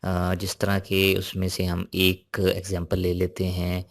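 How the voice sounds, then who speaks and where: A male teacher leads a recorded language lesson, drilling sounds one by one. His voice sits low and stays fairly level. He explains things slowly and patiently. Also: completely flat delivery, gravelly.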